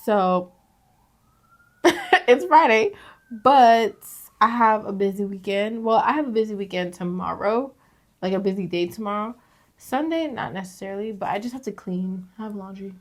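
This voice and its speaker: A young woman co-hosting a casual podcast, reading confessions aloud, animated and slangy, laughing often. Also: medium pitch, moderate pace. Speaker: podcast co-host.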